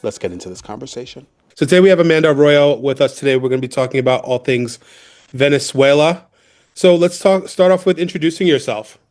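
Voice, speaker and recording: A man's voice: medium pitch, fast talker, a little mellow. A man hosting a history podcast, reading a scripted intro, then asking loose questions with fillers. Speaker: podcast host.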